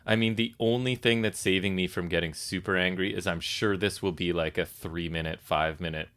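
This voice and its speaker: A man with a very deep voice co-hosts a wrestling podcast. He talks in casual chat and slips in dry, deadpan sarcasm. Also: a little fast. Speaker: podcast co-host.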